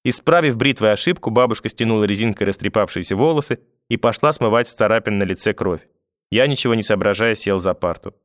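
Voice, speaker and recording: A man reading a novel aloud in a steady first-person narration. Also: on the low side, fast talker, dry recording, studio quality. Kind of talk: literary audiobook reading.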